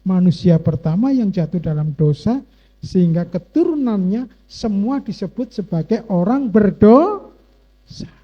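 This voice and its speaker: A man preaching a sermon as pastor, emotional, swinging between hushed and loud. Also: high voice, animated, normal speed. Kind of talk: sermon with personal testimony. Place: church. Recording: dull, muffled lo-fi church recording.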